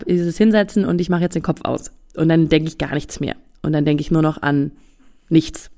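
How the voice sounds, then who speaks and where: A woman's voice: deep voice, darkish tone. A woman talking casually to her listeners as a meditation teacher, informal and self-deprecating. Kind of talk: casual introductory talk to listeners.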